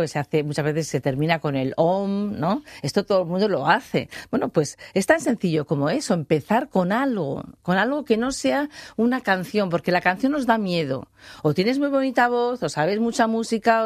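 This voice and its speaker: A woman with a slightly low voice answers interview questions in a reflective, unhurried way. She often trails off into fillers and tag questions. The sound is close and dry, with no room echo. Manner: thoughtful, trails off with many fillers and "¿no?". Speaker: guest, voice and free singing teacher.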